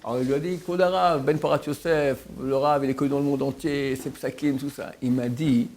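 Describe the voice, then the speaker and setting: A man's voice: mid-range voice, a little fast, a little hiss or hum. A man, a rabbi, giving an informal sermon, telling stories and acting out the quotes with many restarts. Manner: animated storyteller, acts out quotes, many restarts. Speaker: rabbi teaching a Torah class.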